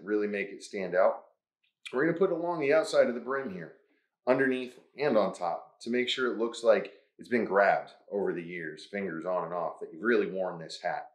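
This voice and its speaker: Upbeat man hosting a roomy craft tutorial. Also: fairly low pitch. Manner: upbeat, talks through each step. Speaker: host.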